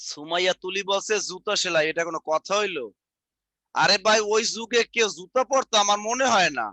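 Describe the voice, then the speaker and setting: A man with a Barishal Bengali accent teaching an online exam-prep lecture, repeating points slowly for students to write down, with chatty asides. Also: high voice, bright, forceful tone, no echo. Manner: repetitive dictation, chatty asides.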